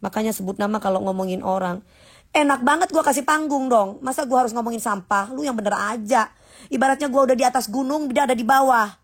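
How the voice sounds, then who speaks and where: A woman's voice: fairly high pitch, fast talker. A woman, ranting casually and mockingly to viewers on a livestream. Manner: sassy, combative, mocking. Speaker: livestream host.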